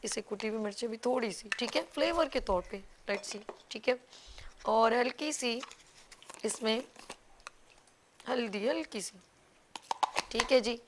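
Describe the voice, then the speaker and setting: A woman's voice: on the high side, a little slow, long pauses, background noise. A woman with a Pakistani Urdu accent, hosting a live cooking show and explaining each step to viewers in a chatty, instructive way. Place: TV studio kitchen.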